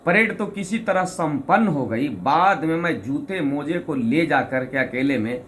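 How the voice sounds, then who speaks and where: Lively male storyteller, higher voice, explains his own verses. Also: unhurried, a little hiss or hum. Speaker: storyteller and poet. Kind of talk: anecdote and recited humorous poem.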